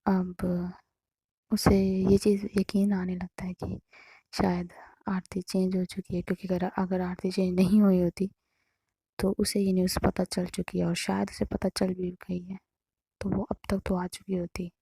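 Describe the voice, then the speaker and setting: A woman telling a story in a casual, conversational and hushed way. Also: fairly low pitch, completely flat delivery, measured pace, vocal fry, husky, dry recording.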